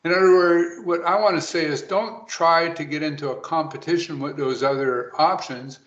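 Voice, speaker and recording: A man giving a webinar presentation to financial advisors, talking quickly and briskly. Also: on the high side, steady tone, fairly bright tone. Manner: brisk, rapid delivery. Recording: roomy, dull lo-fi audio.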